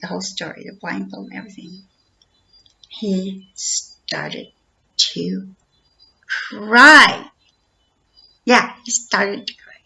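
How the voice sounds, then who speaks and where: A woman's voice: mid-range voice, slow, vocal fry, long pauses, sharp tone. A woman giving an earnest, repetitive personal account, acting out the dialogue as she tells it. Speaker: storyteller. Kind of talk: personal account told to camera. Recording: dull lo-fi recording.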